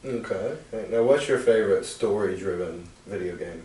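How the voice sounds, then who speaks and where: A man hosting a casual podcast, telling stories with loud acted-out quotes and casual swearing. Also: lowish voice, moderate pace. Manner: animated storyteller, acts out quotes loudly, swears casually. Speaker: podcast host. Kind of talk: casual chat, storytelling. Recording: echoey room, far from mic.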